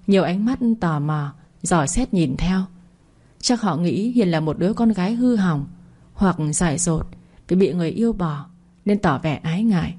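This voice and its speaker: A woman narrating a dramatic story in a steady storytelling voice. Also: lowish voice, slightly rough.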